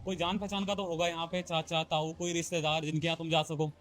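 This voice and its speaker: A man's voice: a little high, level tone, fast talker, a bit bright, close to an everyday voice. A man playing a kind office worker from the city who questions and lectures a runaway couple, in a scripted short drama. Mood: stern. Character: kind city man, stern but caring.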